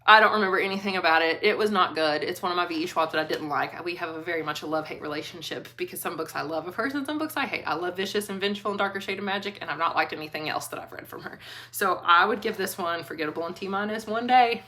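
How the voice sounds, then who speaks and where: A woman's voice: fairly low pitch, fast talker, a little hiss or hum. Chatty woman reviewing books. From Kentucky. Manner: chatty, animated, laughs often, trailing restarts. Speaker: school librarian book reviewer. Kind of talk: casual book review vlog.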